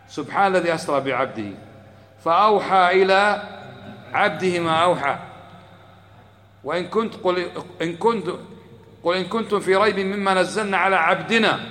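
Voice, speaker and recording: High-voiced preacher teaching a crowd, keeps quizzing them, big echoey hall. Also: male voice, fairly bright tone. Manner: calls on listeners to repeat after him and answers his own questions. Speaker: religious teacher. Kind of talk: Islamic lesson to a live audience. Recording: echoey hall with long reverb.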